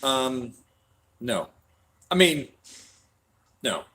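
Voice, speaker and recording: A man's voice: mid-range voice, sing-song, drawn-out words, sharp tone. A man hosting a casual stream from a tuning shop, swearing freely and answering viewer questions. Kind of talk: casual livestream chat.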